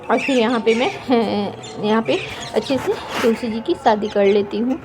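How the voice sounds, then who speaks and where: Fast-talking woman vlogger, slightly high voice. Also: background noise. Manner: fast-talking, chatty, with frequent fillers. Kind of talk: casual vlog voice-over.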